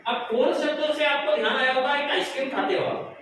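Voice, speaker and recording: A male math teacher with an extremely high-pitched voice speaks fairly quickly during a classroom lesson, asking pupils questions and then answering them himself. The recording is distant, noisy, and echoey.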